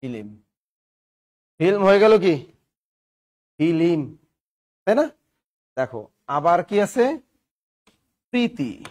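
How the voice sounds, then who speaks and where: A man's voice: sits high, very animated, a little slow, long pauses, a little mellow. A man teaching grammar in a classroom lesson, asking questions and answering them himself with playful examples. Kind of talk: classroom lesson with call-and-response.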